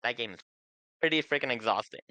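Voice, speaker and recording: A man's voice: mid-range voice, fairly quick, sharp tone, no echo. A man doing casual commentary on a video game tournament stream, upbeat and chatty. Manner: upbeat, hyping viewers. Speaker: esports commentator.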